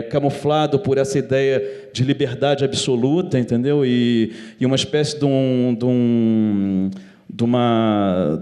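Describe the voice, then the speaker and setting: A man's voice: mid-range voice, mellow. A man, a writer on a panel, thinking aloud with many hesitations and restarts. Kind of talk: reflective panel talk. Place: auditorium at a literary event. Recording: long hall reverb.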